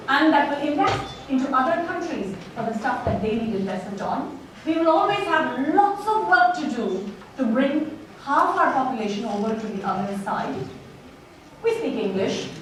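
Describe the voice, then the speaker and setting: A woman with an Indian accent giving an interactive conference talk as a public speaker, emphatic and putting questions to her audience. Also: on the high side. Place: large indoor conference room with an audience. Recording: roomy, echoing hall, distant mic, audience noise.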